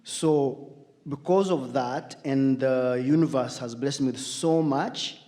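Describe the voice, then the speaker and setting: A man from Uganda, an audience member, slowly and haltingly shares his story and searches for words. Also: mid-range voice, warm tone, long reverb tail. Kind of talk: hesitant personal sharing.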